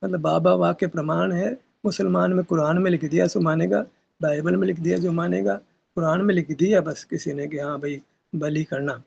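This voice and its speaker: Gravelly, husky man giving a spiritual discourse. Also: a little high, steady tone, moderate pace, a little mellow. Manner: argumentative, rhetorical questions, colloquial asides. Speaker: spiritual teacher. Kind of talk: discourse at a meditation session. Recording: dull lo-fi recording.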